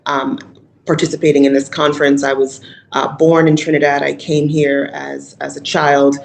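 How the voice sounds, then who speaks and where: A woman from Rochester, New York, giving an earnest, measured and reflective talk as a guest speaker at a virtual conference. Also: low-pitched, flat delivery, vocal fry, a little hiss or hum, poor audio. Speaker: guest speaker, mayor's chief of staff. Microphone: video call.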